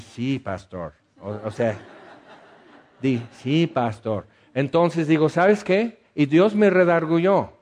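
A man with a Mexican accent preaching a sermon, telling a story and acting out the dialogue in a lively, conversational way. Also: a little high. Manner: animated, acts out dialogue, conversational asides. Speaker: pastor.

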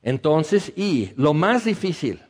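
A man with a Mexican accent preaching a sermon, telling a story and acting out the dialogue in a lively, conversational way. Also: a little high, slow pace. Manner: animated, acts out dialogue, conversational asides. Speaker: pastor.

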